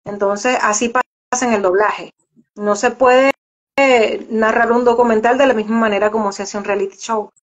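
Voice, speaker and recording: A woman's voice: fairly high pitch, steady tone, moderate pace. A woman, a voice actress, talking casually in an interview, explaining at length and often repeating words as she searches for them. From Venezuela. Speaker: voice actress and journalist, guest. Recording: dull lo-fi audio.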